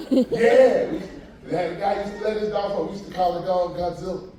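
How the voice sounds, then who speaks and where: On a cruise ship, a male stand-up comedian does crowd work, loudly and animatedly quizzing the audience at a normal pace in a voice that sits high. He is heard from a distance in an echoey lounge, with the crowd laughing and calling out answers.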